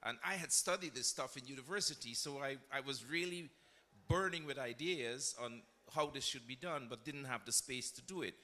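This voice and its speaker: A man's voice: medium pitch, normal speed, bright, forceful tone. A man in his fifties from Guyana with a Guyanese accent, speaking as a former diplomat on a panel, telling a story in a reflective way with self-corrections. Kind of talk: panel discussion.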